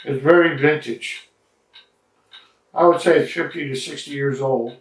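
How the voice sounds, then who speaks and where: A man giving a casual, halting review with many fillers, recorded indoors in a study with a strong room echo. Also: fairly high pitch. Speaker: cigar and drink reviewer. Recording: echoey room, mic at a distance.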